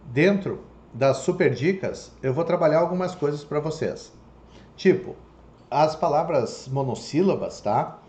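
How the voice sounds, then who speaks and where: A man's voice: fairly high pitch, animated, measured pace, dark tone. A man teaching a Portuguese lesson online, explaining step by step and often checking in with "tá?" and "ok?". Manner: explanatory, repeats "tá?" and "ok?" to check understanding. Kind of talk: online lecture. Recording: echoey room, faint background noise.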